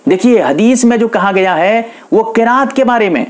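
A man's voice: sits high, animated, normal speed. A man with an Indian accent teaching how to pray behind an imam, explaining patiently and repeating key points. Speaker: Islamic scholar teaching prayer rules. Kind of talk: religious instruction lecture.

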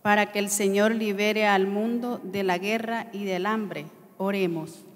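A woman reading the prayers of the faithful at Mass in a measured, solemn cadence, her voice carrying a long cathedral echo. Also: medium pitch, fairly even intonation. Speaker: lector reading petitions at Mass. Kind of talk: liturgical reading of intercessions. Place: large church. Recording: long church reverb, faint noise.

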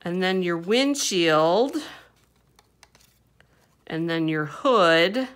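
At her desk, a woman teaches a hands-on papercraft tutorial, casually talking through every step with fillers and small hums. She speaks very slowly in a lowish, slightly bright voice with lively intonation.

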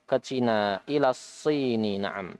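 A man's voice: mid-range voice, slow pace, darkish tone, dry recording. A man teaching an Arabic language class in a mosque, patiently repeating students' answers and correcting them. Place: mosque study session.

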